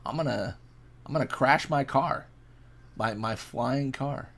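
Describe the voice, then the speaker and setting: A man's voice: medium pitch, a little slow, vocal fry, fairly bright tone. A young man casually chatting and reacting while streaming a fishing game, laid-back and rambling as he answers chat.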